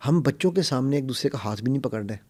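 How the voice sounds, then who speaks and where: Emphatic man coaching on love. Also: medium pitch. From Pakistan. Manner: emphatic, animated, mixes in English phrases. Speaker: mind coach and NLP trainer. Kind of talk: explanatory conversational teaching.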